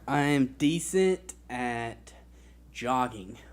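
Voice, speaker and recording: A young man co-hosting a comedy podcast in casual chat, trading dry, deadpan quips. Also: mid-range voice, extremely slow, clear, resonant tone. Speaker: podcast co-host.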